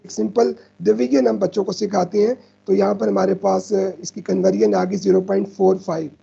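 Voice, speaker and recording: A man's voice: high-pitched, level tone, a little fast, gravelly, warm tone, breathy edge, highs cut off. A man, patiently teaching decimals over slides and repeating himself often. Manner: patient, repeats "ठीक है" often, mixes in English terms. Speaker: math teacher.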